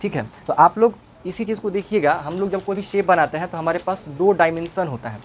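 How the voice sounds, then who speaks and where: A man's voice: sits high, brisk, a little hiss or hum. A male schoolteacher, teaching a classroom lesson and teasing and quizzing his pupils.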